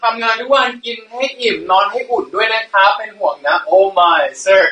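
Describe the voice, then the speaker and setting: A man's voice: high-pitched, normal speed, pushed and bright. A man hosting a casual live stream, playful and giggly, often breaking into laughter. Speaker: livestream host. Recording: echoey room, mic at a distance.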